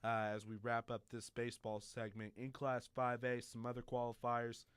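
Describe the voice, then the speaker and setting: A man's voice: medium pitch, little pitch movement, normal speed, smooth, dry recording. Man, sports talk host, chatty, joking, dry close mic. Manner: chatty, joking, lots of fillers. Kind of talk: high school sports talk show.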